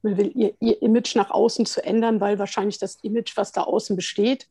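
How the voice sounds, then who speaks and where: A woman guest answering interview questions in a relaxed, chatty way, with frequent hesitations and light laughter. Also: mid-range voice, a little fast, slightly rough, dry recording, studio quality. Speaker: guest, head of continuing education at a central bank.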